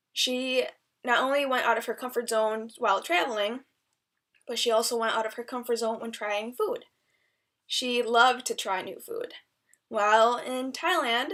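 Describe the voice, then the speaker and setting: Woman, fairly high voice, prepared eulogy speech, earnest, deliberate delivery, occasional stumbles. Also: a bit bright. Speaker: eulogy speaker, friend of the deceased.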